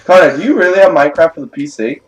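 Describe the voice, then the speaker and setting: A young man chatting excitably with friends while gaming, swearing often and quick to laugh. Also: fairly high pitch, muffled recording, a little hiss or hum. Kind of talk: casual gaming chat with friends.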